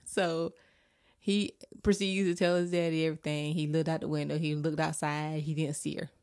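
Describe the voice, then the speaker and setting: A woman's voice: low voice, level tone, moderate pace, darkish tone, dry recording, clean studio sound. A woman in her thirties telling a family story on her podcast in a chatty, conversational way, turning to ask listeners questions. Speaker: podcast host, mother. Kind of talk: casual storytelling monologue.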